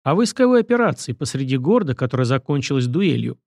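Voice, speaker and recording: A man's voice: mid-range voice, big pitch swings, fast, creaky, darkish tone, dry recording. A man voicing an old prince, a grandfather who speaks in a dry, knowing, admonishing way. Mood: wry.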